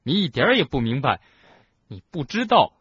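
A man voicing an angry, grieving teenage boy who shouts in trembling, forceful bursts, in an audiobook. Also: mid-range voice, huge pitch swings, normal speed, slightly rough, dry recording, highs cut off, exaggerated voice. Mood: furious. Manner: raised, trembling, forceful outbursts.

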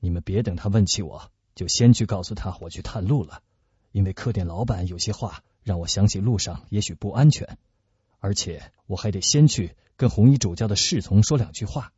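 A man voicing a calm, resolute male musketeer in radio storytelling, hushed and firm. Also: fairly low pitch, brisk, slightly rough, no room sound. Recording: dull lo-fi recording.

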